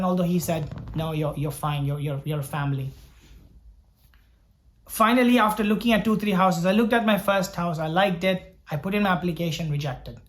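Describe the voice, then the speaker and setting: A young man from Sri Lanka, a doctor, telling his story in an earnest, reflective way, often repeating words as he thinks aloud. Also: high voice. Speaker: doctor vlogger. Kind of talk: personal storytelling vlog.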